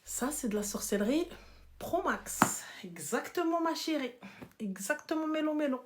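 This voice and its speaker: Lady chatting on a live, higher voice, teasing, goes from loud to whispering. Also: animated, moderate pace, noisy background. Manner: playful, teasing, mixes French with Arabic; swings between loud outbursts and hushed whispers. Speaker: live stream host. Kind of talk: casual live chat.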